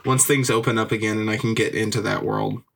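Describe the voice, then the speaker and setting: A young man co-hosting a film podcast in casual chat, halting and repeating words, with a wry tone. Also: fairly low pitch, flat delivery, creaky, background noise. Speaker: podcast co-host.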